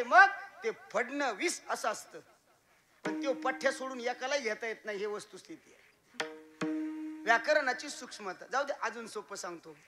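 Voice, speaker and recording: A man giving a humorous devotional kirtan sermon, asking his listeners questions as he teaches. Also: extremely high pitch. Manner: lively teacherly, asks audience questions often; humorous, playful asides. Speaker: kirtan preacher.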